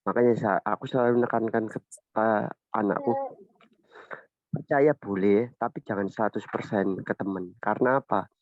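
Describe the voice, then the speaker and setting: A man, sharing about parenting in a casual, halting way on a video call. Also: fairly low pitch, no room sound. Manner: halting, many restarts and fillers. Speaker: parent sharing in a church group. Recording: tinny video call audio.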